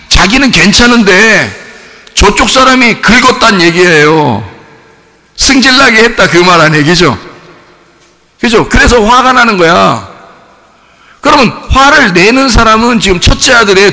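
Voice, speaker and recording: Animated male pastor in a reverberant hall. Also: high voice, normal speed, pauses often. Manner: animated, conversational, asks the congregation questions. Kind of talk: sermon. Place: church sanctuary.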